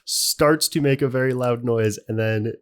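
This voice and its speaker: A man's voice: mid-range voice, normal speed, clear, resonant tone. A man acting as game master, improvising scene narration for a tabletop role-playing game in a conversational way. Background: background music.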